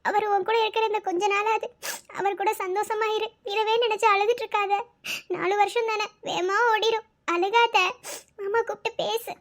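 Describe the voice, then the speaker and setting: A woman voicing a caring younger sister who calmly comforts and advises her older sister. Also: very high voice, moderate pace. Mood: soothing. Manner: soothing, advising.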